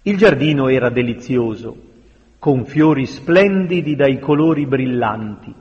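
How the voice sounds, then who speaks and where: A man narrating a historical novel aloud in a slow, measured reading manner. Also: medium pitch, lively intonation, darkish tone, highs cut off. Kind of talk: audiobook narration. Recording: long reverberant room sound.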